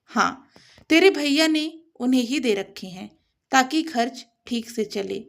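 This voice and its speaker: A woman's voice: high voice, animated, a little slow, gravelly, full character voice. A woman voicing a stern old mother-in-law. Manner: harsh, stern.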